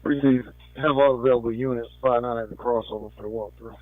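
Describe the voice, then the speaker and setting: A man's voice: mid-range voice, steady tone, quick pace, no echo, faint music behind. A man on police radio, calling unit numbers and checks in terse radio codes. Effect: police radio transmission. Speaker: police radio dispatcher or officer. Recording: tinny narrow-band police radio, dry.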